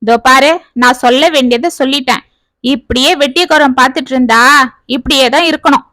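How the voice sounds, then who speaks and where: A woman's voice: high voice, fairly even intonation, a little fast, no room sound. A woman reading a family story, voicing a bold young village woman who scolds and teases her cousin. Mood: mocking. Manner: sharp, scolding, mocking.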